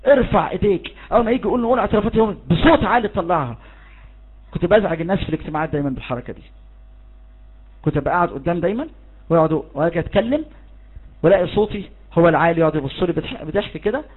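A man's voice: high voice, expressive, very fast, breathy edge. A man with an Egyptian Arabic accent preaching a charismatic sermon, fervently urging his listeners on and leading them in declarations. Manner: fervent, urges the listeners on and leads shouted declarations. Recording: tinny phone-like recording.

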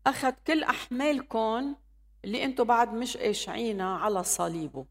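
A woman's voice: a little high, fairly quick. A woman preaching a sermon, reading scripture and exhorting her listeners with calls of hallelujah. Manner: reads scripture aloud and exhorts, calling hallelujah.

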